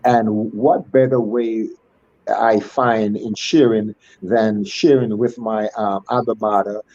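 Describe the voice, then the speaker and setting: A man's voice: on the low side, fairly even intonation, takes it slowly, a little mellow, no room sound, muffled recording. A man in his sixties, a school alumnus speaking as a guest on an online panel, with ornate, churchly phrasing and many fillers and restarts. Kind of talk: formal online panel talk.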